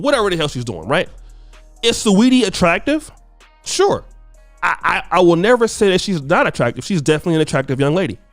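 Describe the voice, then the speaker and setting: A man's voice: high voice, no room sound. A man giving opinionated celebrity gossip commentary in a smug, sarcastic way, punctuated with rhetorical questions. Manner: often adds tag questions like right and okay. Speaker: online commentary host.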